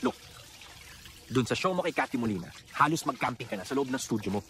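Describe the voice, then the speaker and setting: A man's voice: mid-range voice, animated, quick pace, a bit bright, a little hiss or hum. An actor playing a playful young husband who banters with his wife in a romantic comedy film.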